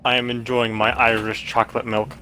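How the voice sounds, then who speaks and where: A man's voice: medium pitch, level tone, fairly quick, crowd noise, low-quality recording. A man chatting casually with a gamer friend in a laid-back, joking way. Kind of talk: casual chat.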